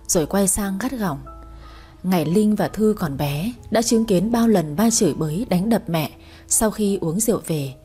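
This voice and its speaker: Lady reading a novel aloud, warm breathy voice, soft music underneath. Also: medium pitch. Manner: calm, even storytelling with dialogue voiced lightly. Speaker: audiobook narrator. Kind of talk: storytelling narration.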